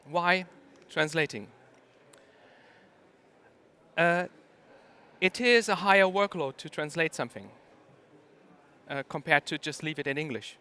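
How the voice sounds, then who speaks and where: A man's voice: a little high, animated, moderate pace, sharp tone, clean tone. A middle-aged man from Germany, giving a conference talk and hesitating often with ums and uhs. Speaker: conference speaker.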